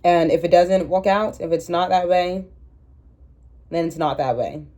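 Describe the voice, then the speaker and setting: With a fairly low, warm voice that sounds congested, a young woman in her twenties speaks a little slowly to her phone camera. As a vlogger, she rambles through a candid, confessional chat and laughs at herself.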